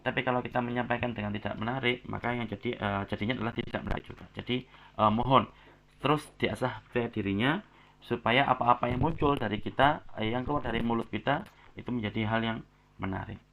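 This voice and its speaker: A man's voice: medium pitch, fast talker, a bit bright. A man giving feedback on student presentations in a class, with many filler sounds and phrases ending in a tag word. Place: online class recording.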